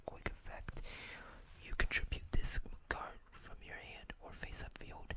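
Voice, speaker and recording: In a whispered ASMR card showcase, the host speaks unhurriedly, reading text aloud and slipping in small asides.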